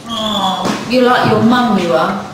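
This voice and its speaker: A woman's voice: mid-range voice, takes it slowly. A woman bickering with her husband at home, insistent and defensive, with a teasing edge. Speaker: reality show participant. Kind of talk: casual domestic bickering. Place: home kitchen. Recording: echoey noisy kitchen.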